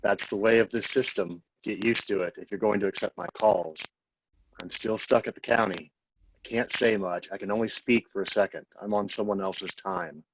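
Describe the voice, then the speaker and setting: A man reading the part of a jailed brother, speaking in a steady, resigned, reflective way in a staged play reading. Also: lowish voice, moderate pace, close to an everyday voice. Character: incarcerated adult brother writing home, weary. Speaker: play reader. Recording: muffled lo-fi with faint noise.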